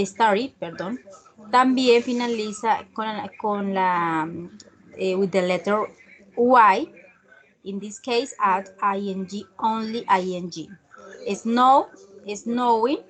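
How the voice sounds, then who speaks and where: A woman with a mid-range, slightly bright voice teaches an English class, walking through spelling rules step by step. She's slow and patient, often checking whether students follow with a questioning "¿sí?", and reads the English examples slowly and deliberately.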